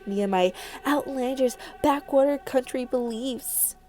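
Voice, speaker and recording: Woman acting an anxious, mellow-voiced young horror heroine. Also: high voice, a little slow, slight background noise, pitched above the performer's own voice. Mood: indignant. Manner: dramatic, anxious, emphatic. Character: frightened, superstitious woman real estate agent narrating her horror.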